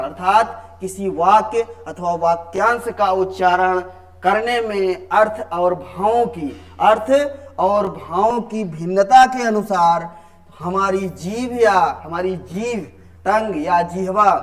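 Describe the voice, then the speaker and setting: A man teaching a grammar lesson to students, often repeating himself and asking them questions he then answers. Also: sits high. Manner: repeats and asks the class questions.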